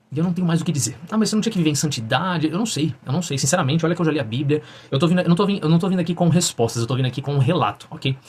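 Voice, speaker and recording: A young man telling his personal religious testimony in an earnest, halting way, with frequent restarts. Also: mid-range voice, a little mellow, husky.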